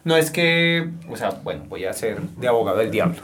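A man's voice: on the low side, very animated, a little fast, fairly bright tone, slight background noise. A man from Colombia, a teacher, interviewing a guest; he hesitates and gives lots of context before he asks. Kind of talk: conversational interview.

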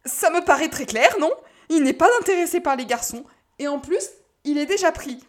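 A woman's voice: expressive, moderate pace, fairly bright tone. A woman voicing an anxious, shy young man who speaks in a piercing little voice. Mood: panicked. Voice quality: shrill, piercing.

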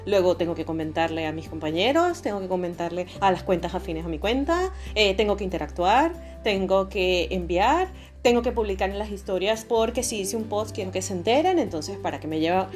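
Woman, casual reflective talk, emphatic delivery with drawn-out words, average pitch, music bed. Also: a little mellow. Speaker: podcast host. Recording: music behind the voice.

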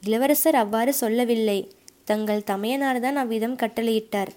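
A woman's voice: on the high side, moderate pace, a little mellow, lightly acted. A woman voicing a bold but polite young male warrior messenger in an audiobook, speaking humbly and respectfully. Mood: firm. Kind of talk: audiobook character voice.

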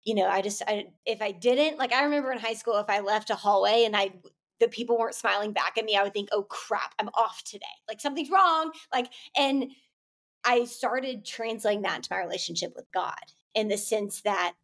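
Young woman host, mid pitch, heartfelt and kinda searching, lots of "like" and "um". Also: a little fast. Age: young adult. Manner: heartfelt, searching, with many fillers. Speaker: podcast host. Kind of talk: faith podcast conversation.

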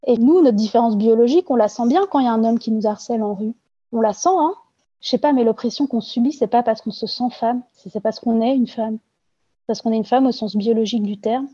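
A woman's voice: a little high, fairly quick, mellow, breathy edge, no room sound, muffled recording. A woman testifying anonymously in an interview, talking earnestly with frequent hesitations and fillers. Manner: hesitant, many fillers and restarts.

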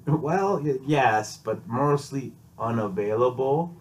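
A man's voice: medium pitch, takes it slowly. A young man co-hosting a casual podcast, nasal and congested from a cold, joking and laughing often. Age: young adult. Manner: jokey, laughs often, animated bursts. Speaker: podcast co-host. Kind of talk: casual chat.

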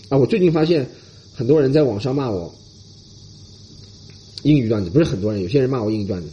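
A man's voice: medium pitch, a little hiss or hum. A man hosting a comedy podcast, talking in a casual, joking monologue, with a Mandarin Chinese accent and English phrases mixed in. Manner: animated, mixes English phrases, mocking voices.

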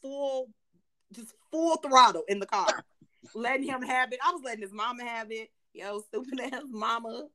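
A woman co-hosting a casual chat, animated and laughing, acting out quoted voices. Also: a little high, moderate pace.

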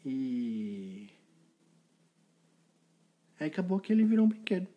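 A man telling an improvised children's story in a playful, animated way. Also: medium pitch, takes it slowly, highs cut off.

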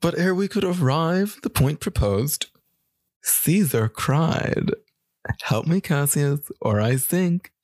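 A bubbly young Valley Girl , as a man puts her on, launches into a grand Shakespeare speech with a swinging, lively pitch. The voice is close and dry, with no room around it. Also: slow pace, dry recording. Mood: theatrical. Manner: declaiming a Shakespeare monologue in a put-on teen voice.

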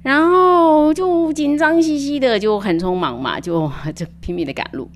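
A woman reading a picture book aloud to children, animated, with playful sound words and hushed asides. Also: sits high, normal speed, a little hiss or hum. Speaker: storyteller. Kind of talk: storybook read-aloud for children.

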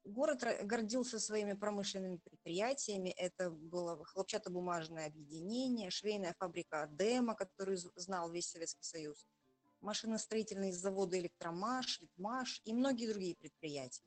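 A woman in her forties from Transnistria, a journalist speaking in an interview in a proud, thoughtful way with hesitant pauses. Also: mid-range voice, dry recording, soft background music. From Transnistria, Moldova. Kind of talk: conversational interview.

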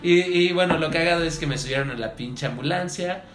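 A young man with a Mexican accent tells a story in a casual podcast, peppering it with crude slang. His voice sits a bit high. The room gives it a noticeable echo. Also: fairly quick, fairly bright tone, soft background music. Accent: Mexican Spanish. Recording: roomy echo.

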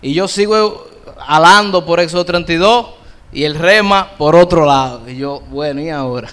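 A middle-aged male pastor preaching a sermon, slowing down to stress key phrases. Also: a little high, fairly bright tone, smooth.

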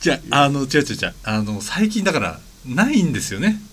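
A man's voice: mid-range voice, big pitch swings, fast, fairly bright tone. A man, a drummer co-hosting a podcast, leading a casual chat in an easygoing way and laughing along.

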